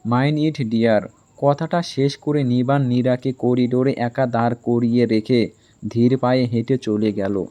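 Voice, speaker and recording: A man narrating a dramatic romance story in an even, measured storytelling manner. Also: medium pitch.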